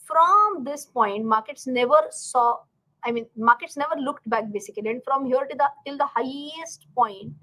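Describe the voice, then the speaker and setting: High-pitched Indian woman teaching a live stream. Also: rough recording. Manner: animated, emphatic, asks and answers own questions; addresses learners directly, checks in with "right" and "okay". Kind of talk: live stream lesson, chatty explanation to viewers.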